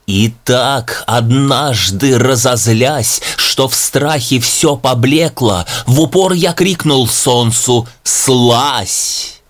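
A man giving a dramatic poetry recitation, measured, rhythmic and emphatic. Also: medium pitch.

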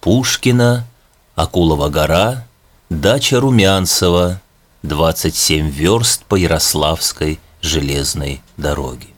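A man giving a dramatic poetry recitation, measured, rhythmic and emphatic. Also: extremely low pitch.

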